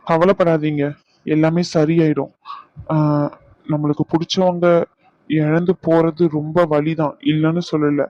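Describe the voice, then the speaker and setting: A man voicing a flat-toned cartoon doctor. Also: fairly high pitch, measured pace, no room sound, lo-fi sound, natural voice. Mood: calm. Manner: steady, explanatory. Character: calm male doctor explaining treatment.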